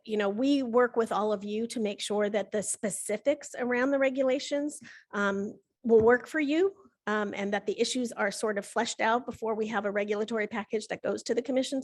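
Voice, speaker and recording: Woman presenting on regulations. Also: mid-range voice. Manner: conversational with frequent fillers. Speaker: commission staff presenter. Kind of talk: workshop presentation.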